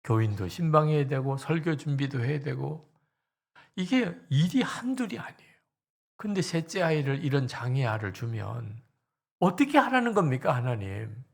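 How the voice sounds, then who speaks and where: A preacher playing an anguished pastor praying. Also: male voice, mid-range voice, lively intonation, normal speed, pauses often, darkish tone, husky. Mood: complaining. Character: anguished male pastor crying out in prayer.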